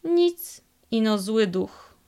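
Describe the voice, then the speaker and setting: A woman voicing a cunning old highland fiddler who speaks in a slow, drawling Podhale dialect. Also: animated, warm tone, heavily acted. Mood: uneasy musing. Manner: slow, drawling folksy speech.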